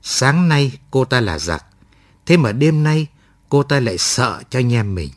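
A man voicing a gruff young soldier who talks in a harsh, coarse, scolding way in a read-aloud war story. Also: mid-range voice, very animated, unhurried, dry recording. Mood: rueful. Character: gruff young male soldier, rough and blunt.

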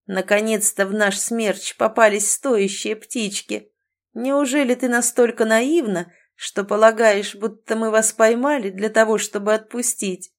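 A woman voicing a big, scarred male bandit who talks in a slow, sneering, taunting way. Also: fairly high pitch, fairly even intonation. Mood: mocking.

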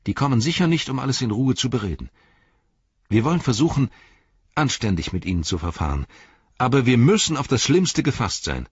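A man voicing an eager, bold young male hobbit who speaks with urgency, husky and raised in pitch. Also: a little fast, no echo. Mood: eager, urgent. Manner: excited, urgent. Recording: dry, slightly dull studio sound.

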